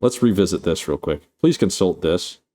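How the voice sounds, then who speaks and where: A man's voice: sits low, animated, normal speed, dark tone. A man casually recapping a movie plot, rambling and swearing, full of fillers and restarts. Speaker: movie reviewer.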